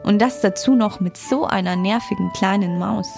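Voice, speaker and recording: A woman calmly narrating a children's audio story. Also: medium pitch, normal speed, creaky, faint music behind.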